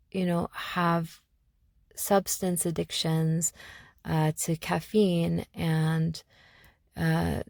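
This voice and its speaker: A woman from Algeria hosting her own podcast, speaking thoughtfully with many pauses and restarts as she reflects. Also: on the low side, gravelly, a little mellow, dry recording, studio quality. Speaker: podcast host. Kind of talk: reflective solo podcast talk.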